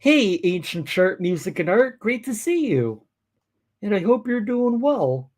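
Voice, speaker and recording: A man's voice: high voice, unhurried. Man casually commenting on a live stream. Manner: relaxed, wry remarks to chat. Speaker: streamer reacting to police videos.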